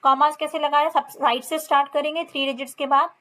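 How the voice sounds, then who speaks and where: A woman with an Indian accent teaches a maths lesson, slowly reading lines from the textbook and explaining each step in a mix of Hindi and English. Her voice sits high, with a steady, sharp tone.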